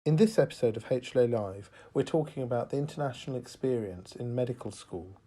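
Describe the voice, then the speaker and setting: A man reading a scripted show introduction in a measured way. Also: mid-range voice, animated, warm tone. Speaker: show announcer. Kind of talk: scripted narration.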